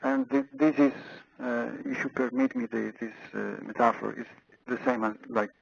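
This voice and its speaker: Heard through a muffled phone line, an Italian-accented man from Italy presents a webinar, hesitant and repeating himself with lots of fillers. His gravelly voice is medium-pitched with fairly even intonation at a moderate pace, and there is slight background noise.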